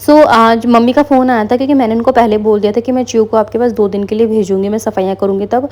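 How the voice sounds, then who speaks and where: A young woman talks casually to her viewers, mixing into her the way vloggers do. Her voice sits a little high but sounds soft and mellow rather than bright. She rambles comfortably through everyday stories. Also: fairly even intonation, quick pace. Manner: chatty, Hindi mixed with English words. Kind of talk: casual chat.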